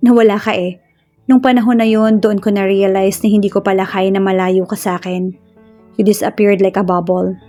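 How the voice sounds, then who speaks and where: A woman reading a romance story in first person, in a steady storytelling manner. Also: mid-range voice, a little fast, soft background music. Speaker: story narrator. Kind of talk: scripted narration of a romance story.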